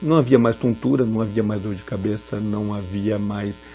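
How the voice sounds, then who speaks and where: Gravelly-voiced man telling a personal story. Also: lowish voice, fairly even intonation, warm tone, muffled recording, faint music behind. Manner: reflective, halting with frequent filler pauses. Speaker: speaker sharing a personal story. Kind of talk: personal testimony.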